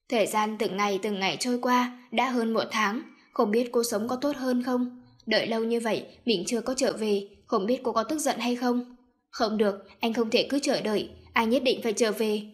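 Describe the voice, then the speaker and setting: A woman's voice: on the high side, fairly bright tone. Woman narrating a story.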